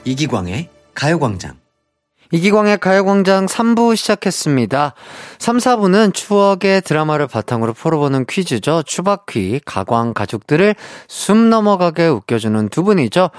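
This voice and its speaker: Casual young male radio DJ, animated pitch, dry close sound. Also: dry recording. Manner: lively, friendly, chatty with light laughter. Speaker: radio show host. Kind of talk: casual radio hosting, reading listener messages.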